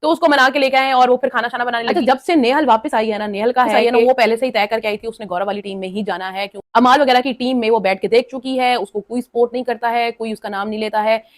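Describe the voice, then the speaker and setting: A woman talks fast and a little high in a casual recap. She is opinionated and keeps slipping into quick mimicked snippets of the people she describes. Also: fairly even intonation. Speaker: show recap commentator.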